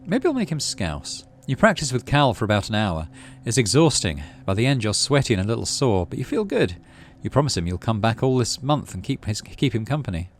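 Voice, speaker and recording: This male gaming host narrates a video game's story aloud and muses to himself about his decisions, with game music underneath. He speaks at a fairly quick clip with few pauses, his mid-range voice swinging widely in pitch. There's slight background noise.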